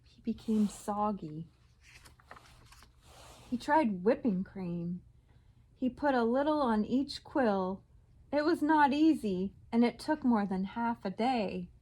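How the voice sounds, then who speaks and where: A woman teacher with a medium-pitched voice reads a picture book aloud to her class. She uses a slow, expressive storyteller voice that drops softly on the tag lines.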